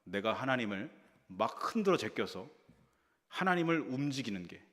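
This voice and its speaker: A male associate pastor delivers an expressive sermon and speaks directly to his congregation. His voice sits at an ordinary male pitch. A long reverb fills the church sanctuary behind him. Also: normal speed. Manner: expressive storytelling, addressing the congregation.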